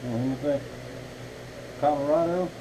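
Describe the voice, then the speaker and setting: Speaking at a normal speed in a slightly high voice, a man chats casually with viewers from the home workshop where he makes knives. He rambles in a folksy way, says y'all, and heavy background noise runs under the vlog.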